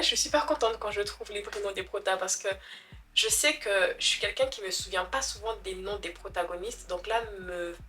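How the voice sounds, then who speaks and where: A woman's voice: mid-range voice, fairly bright tone. A young woman chatting casually about books she has read, self-mocking and stumbling over foreign names. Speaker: book vlogger.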